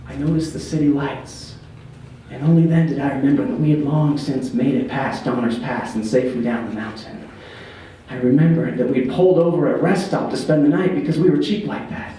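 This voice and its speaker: A man telling a ghost story on stage, shifting between urgent and hushed tones. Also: fairly high pitch, a little hiss or hum. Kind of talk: live storytelling performance. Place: performance venue. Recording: echoey hall, distant mic.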